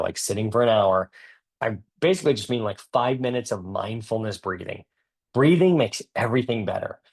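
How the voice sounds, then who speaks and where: Low gravelly guy, dentist cracking jokes in a pep talk, really emphatic. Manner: energetic, joking, emphatic. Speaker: dentist and speaker. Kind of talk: humorous motivational talk.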